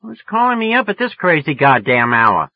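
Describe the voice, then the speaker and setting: A man's voice: a little high, big pitch swings, normal speed, breathy edge, muffled recording, voice pushed up, full character voice. A man voicing a brassy, slangy young woman in a story, with a raised, affected feminine voice. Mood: irritated, snapping. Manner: sharp, slangy, turning affectedly genteel. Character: brassy, irritable young working woman, formerly burlesque, turning coy.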